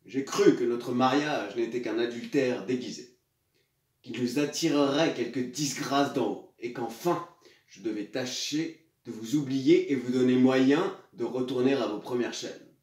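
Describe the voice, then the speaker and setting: A man's voice: medium pitch, a little slow, darkish tone, close to an everyday voice. A man playing a suave, hypocritical nobleman seducer in classical French theatre, declaiming in a pompous, hammy stage manner. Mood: pompous false piety. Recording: echoey room, far from mic.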